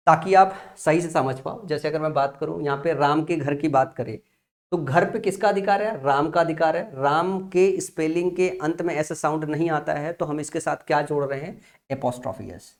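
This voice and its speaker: A man with a voice on the high side teaches English grammar in a classroom-style lesson. He repeats the key points and asks questions that he then answers himself.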